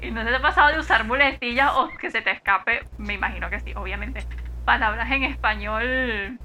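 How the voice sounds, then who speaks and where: A woman co-hosting a casual podcast chat, telling unhurried anecdotes and acting out the quotes. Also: fairly high pitch, bright, forceful tone, a little hiss or hum. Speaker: podcast co-host.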